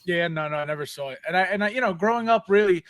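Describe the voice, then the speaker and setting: A Spanish-native man from Colombia hosts a laid-back podcast with a clearly high voice, stopping and restarting his sentences as he goes. The sound is dry and close, with no room in it. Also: fairly bright tone, no echo. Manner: halting, full of restarts. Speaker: podcast host. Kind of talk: casual podcast chat.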